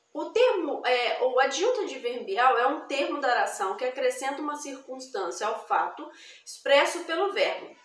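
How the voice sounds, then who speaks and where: A Brazilian woman teaching Portuguese grammar, explaining step by step with many hesitations and tag questions. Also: high voice. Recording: roomy, echoey, distant from mic.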